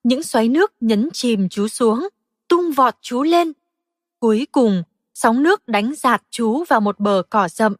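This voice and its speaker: Slow, high-voiced woman storyteller. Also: no room sound, studio quality, big-room sound. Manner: slow, gentle, expressive storytelling. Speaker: narrator. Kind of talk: children's audiobook narration.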